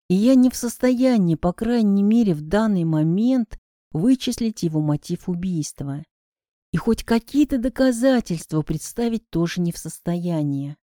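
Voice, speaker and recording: A woman reading a first-person detective novel aloud as an audiobook narrator, with a measured, even delivery. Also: mid-range voice, no room sound, clean studio sound.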